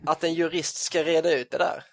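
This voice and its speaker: A man's voice: fairly high pitch, level tone, creaky, dry recording, clean studio sound. A man co-hosting a podcast in casual chat, amused and mocking, laughing easily. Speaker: podcast co-host.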